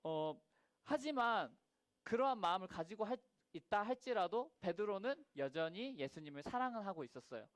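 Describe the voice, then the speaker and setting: High-voiced man telling a children's sermon. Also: normal speed, no echo. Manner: animated storyteller who acts out quoted lines and asks the children questions. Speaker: children's ministry preacher. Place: church worship room.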